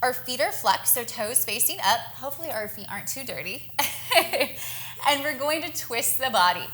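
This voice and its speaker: A woman's voice: high voice, animated, normal speed, fairly bright tone. A young woman leading a yoga class, giving encouraging breath-timed cues and sounding a little out of breath. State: slightly out of breath. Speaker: yoga instructor. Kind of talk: guided yoga class instruction.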